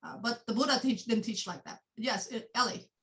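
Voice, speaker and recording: A woman's voice: on the high side, fairly quick, rough recording. A woman teaching a meditation class, explaining with frequent laughs and many restarts. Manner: animated, laughs often, repeats and restarts.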